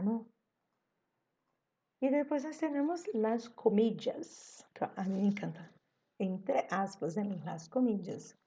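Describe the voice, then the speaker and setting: A woman's voice: mid-range voice, mellow. A Brazilian woman teaching Spanish in an online class, mixing Portuguese and Spanish and acting out example questions. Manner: mixes Portuguese and Spanish, acts out example questions with rising intonation. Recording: dull lo-fi stream audio.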